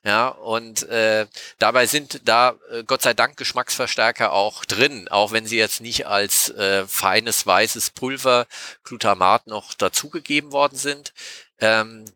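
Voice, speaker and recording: A man on a podcast explaining taste science in a patient, lecturing way, often pausing with hesitation sounds. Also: on the low side, steady tone, pushed and bright, no echo. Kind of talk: casual explanatory podcast talk.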